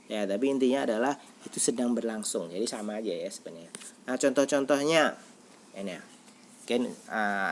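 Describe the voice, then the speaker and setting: A male teacher with an Indonesian accent giving an English grammar lesson, reading the example sentences out slowly and checking in with his pupils. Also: mid-range voice, a little hiss or hum. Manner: reads examples slowly and clearly, checks in with listeners.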